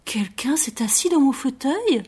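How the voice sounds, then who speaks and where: A woman voicing a gentle mama bear who speaks softly. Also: high voice, sing-song, measured pace, pitched above the performer's own voice. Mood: puzzled. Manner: soft, gentle.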